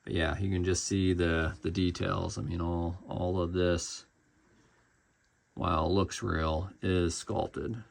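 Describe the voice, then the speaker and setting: Slow and fairly flat in pitch, a low-voiced man with strong vocal fry walks through a collectible in a relaxed review. His delivery is loose and somewhat hesitant, drifting off before returning to earlier points.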